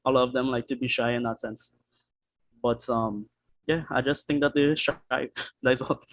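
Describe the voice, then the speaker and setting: A man's voice: medium pitch, steady tone, moderate pace, no room sound. Chatty Trinidadian man, dry close sound. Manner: casual, chatty, repeats himself. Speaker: panelist. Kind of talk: online panel discussion.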